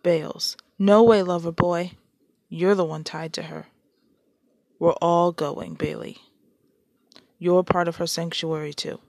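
A woman's voice: on the low side, fairly even intonation, measured pace, creaky, pauses often, a little mellow, no echo, studio quality. A woman reading aloud, voicing a stern, protective teenage boy who talks firmly and scolds.

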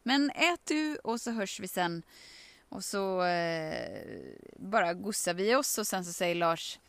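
Woman vlogger, casual storyteller, animated, acts out quotes, dry close sound. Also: mid-range voice, clean tone, dry recording. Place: outdoors by a lake.

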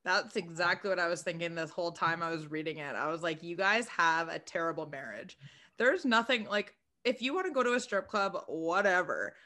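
A woman's voice: on the low side, fairly quick, hardly any pauses, a bit bright. A woman co-hosting a casual chat, talking bluntly with lots of "like" and swearing freely. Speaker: podcast co-host.

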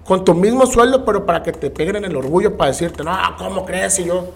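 A man's voice: sits high, fast talker. A man with a Mexican Spanish accent, a podcast guest telling stories casually and acting out the voices of people he talks about. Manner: animated, acts out the voices of people in his stories. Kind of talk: casual storytelling interview.

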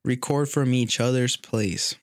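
A young man co-hosting a casual podcast from his home, teasing his partner with quick banter. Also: mid-range voice, dry recording, clean studio sound. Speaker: podcast co-host. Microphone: remote home recording.

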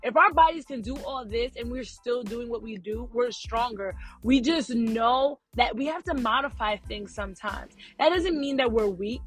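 Higher-voiced American woman chatting in a car. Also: moderate pace, hardly any pauses, husky, soft background music. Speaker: vlogger. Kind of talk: casual chat to viewers while in a car. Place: inside a car.

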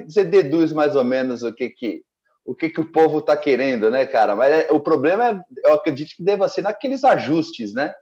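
A man co-hosting an interview, joking around with slangy, animated questions. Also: on the high side. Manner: jokey, animated, slang-heavy. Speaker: co-host. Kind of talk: casual interview chat.

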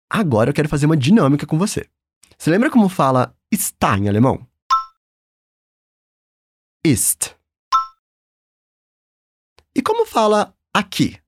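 A man's voice: on the high side, a little mellow, dry recording, studio quality. A man with a Brazilian accent teaching a German lesson in a patient, encouraging, upbeat way. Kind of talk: language lesson.

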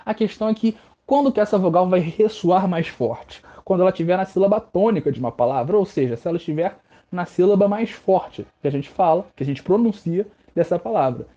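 A man with a Brazilian Portuguese accent hosting a casual podcast lesson on literature, relaxed and slangy, joking at his own expense as he explains. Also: high-pitched, brisk, lo-fi sound. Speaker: literature teacher and podcast host.

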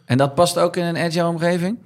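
A man's voice: a little high, steady tone, fast, a little mellow. A man, hosting a podcast in a casual, chatty way. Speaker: podcast host. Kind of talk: casual chat.

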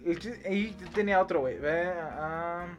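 A man's voice: sits high, moderate pace, over music. A young man with a Mexican accent chatting casually about superheroes, slangy and full of examples. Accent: Mexican Spanish. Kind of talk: casual chat.

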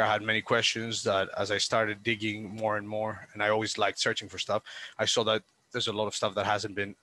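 Greek-born man, bright and forceful. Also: fairly low pitch, no echo, low-quality recording. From Greece. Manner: thoughtful, many fillers and restarts. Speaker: guest researcher. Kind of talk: conversational interview answers. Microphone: video call.

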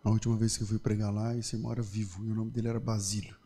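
A male pastor with a Brazilian Portuguese accent preaching, moving between loud fervent passages and quiet storytelling. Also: fairly low pitch, level tone, rapid-fire, big-room sound. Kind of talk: sermon.

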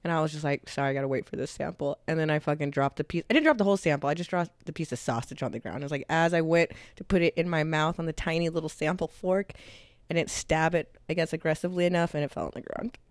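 A young woman with a notably low voice chats on a podcast, her talk loose and full of fillers, often breaking into laughter. Her voice sounds dry and close-miked. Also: quick pace, dry recording. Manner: chatty, laughing, filler-heavy. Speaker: podcast co-host. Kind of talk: casual chat.

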